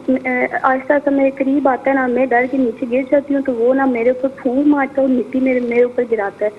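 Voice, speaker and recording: High tinny phone caller, a woman. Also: slight background noise. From Pakistan. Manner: long hesitant narration with fillers. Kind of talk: telling a dream over the phone.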